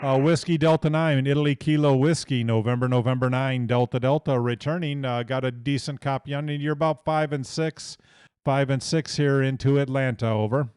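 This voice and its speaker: A man's voice: mid-range voice, steady tone, moderate pace, a little mellow, a little hiss or hum. An American man running casual amateur radio contacts into a close microphone. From Iowa, United States. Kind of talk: casual ham radio exchange.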